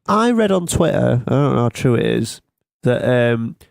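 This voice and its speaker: A man's voice: mid-range voice, very animated, normal speed, vocal fry, a little mellow, dry recording, studio quality. A man co-hosting a casual wrestling podcast, a bit hesitant with restarts. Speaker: podcast co-host.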